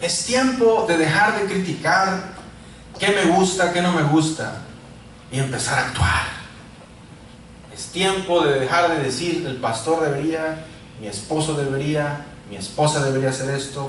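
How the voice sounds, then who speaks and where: A man from Mexico, preaching a sermon full of personal testimony and swinging from loud calls to quiet asides. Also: on the high side, moderate pace. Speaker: pastor. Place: large echoey church hall. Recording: echoey church hall, mic far off, faint noise.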